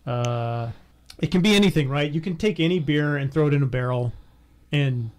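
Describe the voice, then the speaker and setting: A man with a slightly raised voice co-hosts a casual beer-tasting podcast. He talks in halting runs packed with fillers, and he laughs easily between points. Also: a little high. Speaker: podcast co-host.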